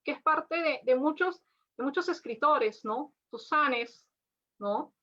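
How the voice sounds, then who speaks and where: A woman's voice: high-pitched, slow pace, bright, forceful tone. A woman giving an academic lecture on literature, full of restarts and tag questions. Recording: dull lo-fi audio.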